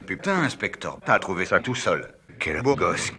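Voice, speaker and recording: A man putting on a gruff, mocking voice to tease himself in a game commentary. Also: deep voice, very animated, moderate pace, sharp tone, voice pushed down, full character voice. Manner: sneering, teasing.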